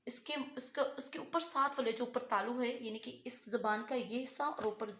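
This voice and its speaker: A woman with a somewhat high voice explains Quran pronunciation step by step. She asks a question, then answers it and repeats the answer. The room rings with echo. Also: moderate pace, fairly bright tone. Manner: repeats her own questions and answers them. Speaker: Quran recitation teacher. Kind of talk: explanatory tajweed lesson.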